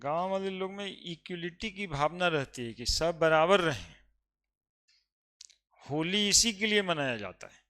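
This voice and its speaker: A man teaching chemistry in a classroom, with a bright, crisp voice. He talks slowly and chats and jokes with his students. When he explains he gets loud and emphatic. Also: on the high side, animated. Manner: chatty, joking with students before teaching.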